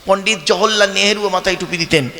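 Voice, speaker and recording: A man's voice: high-pitched, steady tone, fast, sharp tone. A man preaching a sermon at a religious gathering, talking conversationally and quizzing the crowd directly. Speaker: Islamic preacher. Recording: long reverb of a large venue.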